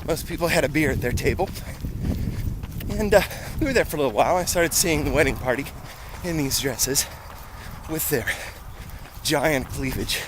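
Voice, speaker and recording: American man vlogging over loud outdoor noise. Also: a little high, moderate pace. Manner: rambling, conversational. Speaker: running vlogger. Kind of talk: casual vlog talk while out running. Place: outdoors on town and semi-rural streets. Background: loud road and outdoor noise.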